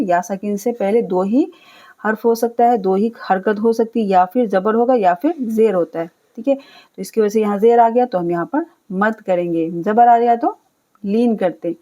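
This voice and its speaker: A woman teaching Quran recitation, spelling out letters and vowels, then chanting each word slowly and drawn out, with patient explanations. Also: medium pitch, mellow. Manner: explains rules patiently, often checks with a quick "okay". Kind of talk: step-by-step recitation lesson.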